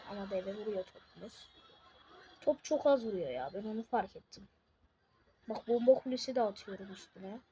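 A woman giving casual live commentary on her own game, excitable, swinging from muttering to shouting. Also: fairly high pitch, highs cut off, a little hiss or hum.

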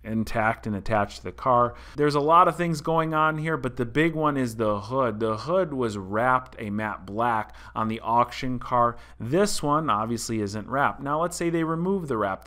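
A car-channel host in his thirties sits indoors at a desk mic in front of him, casually vlogging as he talks viewers through a story in a chatty, explanatory way. His voice is mid-range with a fairly bright tone.

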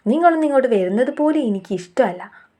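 A haughty, wealthy middle-aged mother-in-law from a television serial, sneering at poor people, read out by a Malayali woman. Her voice sits a little high. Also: lively intonation, fast, warm tone. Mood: scornful.

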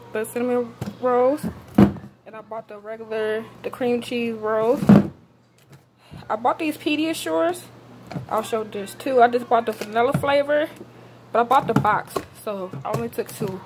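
A woman's voice: fairly high pitch, a little slow, long pauses, heavy background noise. A young woman vlogger casually walking through her grocery haul in her kitchen, chatting to viewers with fillers and "y'all", filmed on a handheld phone. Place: home kitchen, indoors.

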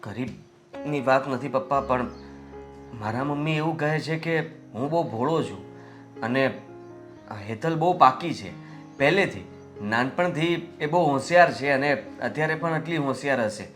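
A man's voice: mid-range voice, normal speed, fairly bright tone, faint music behind, lightly acted. An actor playing an obedient young son who pleads earnestly and respectfully with his father. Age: young adult. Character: obedient young son working in family office.

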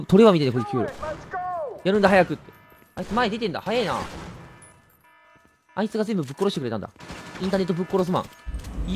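A man giving chatty, excitable let's-play commentary while playing a video game, laughing often. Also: high-pitched. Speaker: game streamer.

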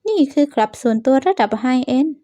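Woman playing a smug bully girl, high sing-song taunting voice, mellow tone, dry close sound, manga dub. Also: lively intonation, brisk, no echo. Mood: boastful. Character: scheming spiteful young woman, rich bully.

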